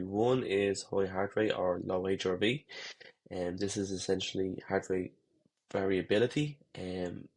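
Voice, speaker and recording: Stuffed up with a cold, this male running coach sounds slightly husky in his lowish voice. He addresses the camera in a loose, meandering lesson for runners, using fillers and starting sentences over.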